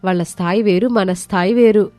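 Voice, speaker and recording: A woman voicing a sensible young wife who pleads with her husband, for an animated story. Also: medium pitch, brisk, dry recording, faint music behind, lightly acted. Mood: pleading. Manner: pleading, cautious.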